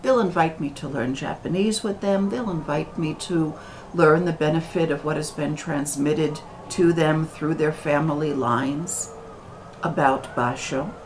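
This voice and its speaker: An American woman talking to camera in a slow, deliberate monologue, full of pauses and fillers. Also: low voice, a little hiss or hum, poor audio. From United States. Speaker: video commentator.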